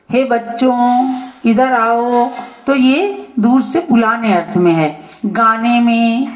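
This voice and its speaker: A woman teacher explaining a grammar lesson in a slow, deliberate way, stretching out her examples. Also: fairly high pitch, a little mellow. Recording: echoey, dull lo-fi audio.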